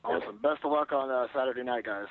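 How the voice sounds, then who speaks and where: A man's voice: mid-range voice, fast talker, very noisy. A man working as a reporter, asking long conversational questions on a media conference call over the phone. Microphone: telephone. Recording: dry narrow telephone line.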